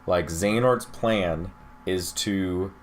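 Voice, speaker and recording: A young man with a deep voice talks casually, like a fan reviewing a game trailer. There is some background noise around his voice. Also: slow. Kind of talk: casual chat. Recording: steady background room noise.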